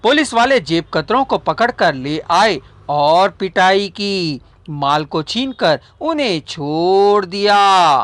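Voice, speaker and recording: A man narrating a short story in a measured, deliberate audiobook style, recorded close on a studio mic. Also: high voice, a bit bright, no room sound.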